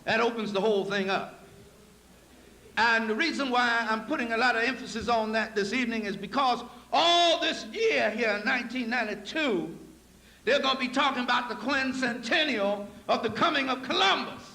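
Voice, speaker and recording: A man lectures a live audience in a high, bright voice, folksy and preacherly. He drops low for asides and climbs to forceful, emphatic points. The recording carries an echoey hall with faint noise. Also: moderate pace, gravelly. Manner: folksy, addresses audience as y'all.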